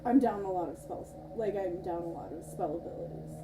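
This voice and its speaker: A woman's voice: fairly low pitch, animated, fairly quick. A woman playing a tabletop game, bantering casually with the group. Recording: roomy, distant mic, music behind.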